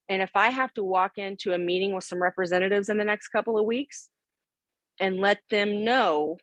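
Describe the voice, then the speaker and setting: A woman's voice: medium pitch, dry recording. A woman co-hosting a podcast discussion, speaking as a victims' advocate who passionately urges listeners to act. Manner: impassioned, urging listeners to act.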